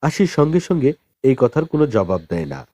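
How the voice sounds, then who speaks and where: A man narrates a novel as an audiobook, telling the story in a dramatic, expressive way with deliberate pauses. His pitch sits in the middle, and the recording is dry.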